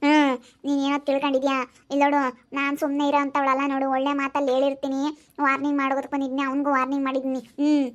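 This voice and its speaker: A woman's voice: high voice, a bit bright. A woman playing a jealous village wife who scolds and threatens in a skit. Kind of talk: skit acting.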